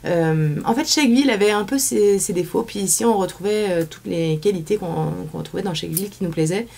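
This woman, in her thirties and from France, speaks fast with vocal fry in a medium-pitched, slightly mellow voice. Her French accent comes through as she chats casually as an interview guest, with many fillers and restarts. She is indoors on a small studio set.

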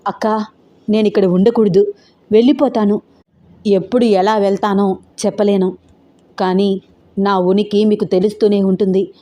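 A woman voices a young schoolgirl in an audio story, steady and solemn, her tone mellow and low-key. She speaks with a firm, grave calm. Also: moderate pace, pauses often, natural voice.

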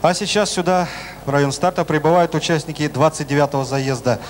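A man's voice: on the high side, steady tone, fairly quick. A man giving live race commentary as a sports commentator in an announcer-like manner. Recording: noisy outdoor track, engine noise behind. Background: motorbike engines and outdoor ambience.

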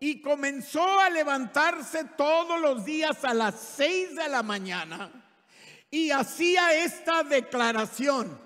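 Fervent, high-voiced shouting preacher man. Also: expressive, slow pace. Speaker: evangelist. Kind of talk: sermon. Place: church sanctuary. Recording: reverberant church hall.

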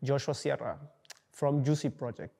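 A man's voice: medium pitch, moderate pace, creaky, dark tone. A young man from Peru, answering interview questions casually and searching for words with many fillers. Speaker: coffee entrepreneur, interviewee. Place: dark studio, indoors.

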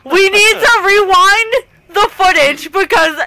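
A woman streaming a game and chatting with friends over voice chat, laughing often and getting excited. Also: very high voice, slow, a crowd in the background, rough recording. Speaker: streamer hosting a group game session.

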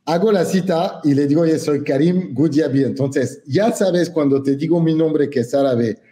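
A man from France with French as his first language, telling stories as a guest in an interview, animated and joking. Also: a little high, moderate pace. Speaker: podcast guest. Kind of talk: casual interview storytelling.

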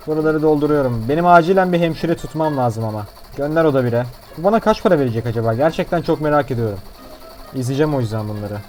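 A man giving excitable, brash and jokey commentary on his own gameplay as a gaming YouTuber. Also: medium pitch.

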